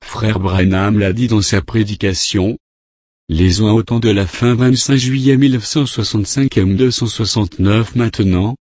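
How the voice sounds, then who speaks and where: A man preaching a sermon in a slow, measured way with long pauses. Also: on the low side, fairly even intonation, a little mellow, no echo.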